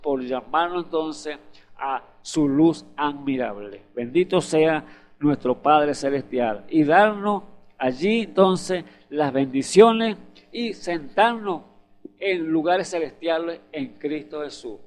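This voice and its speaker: Preacher guy, kinda high voice, fervent sermon, lots of ums and repeating himself. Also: slow, a little mellow. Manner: fervent preaching with hesitant fillers and repetitions. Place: church.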